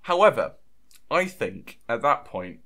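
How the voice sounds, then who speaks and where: A man's voice: mid-range voice, big pitch swings, a little slow, bright, forceful tone. A young man hosting a casual chat show, talking in a rambling, stop-start way and laughing often. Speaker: podcast host.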